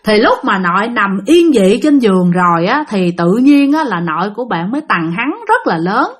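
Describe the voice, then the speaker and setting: A woman's voice: mid-range voice, normal speed, breathy edge. A woman with a Southern Vietnamese accent narrating a ghost story, talking straight to her listeners. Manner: animated, addressing listeners directly.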